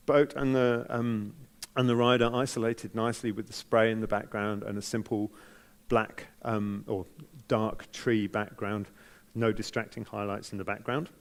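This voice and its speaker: Male judge, broad Kiwi accent, mid-pitched voice, gentle and hesitant off-the-cuff critique. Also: creaky. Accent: New Zealand. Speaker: photography competition judge. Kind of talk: spoken critique, unscripted feedback.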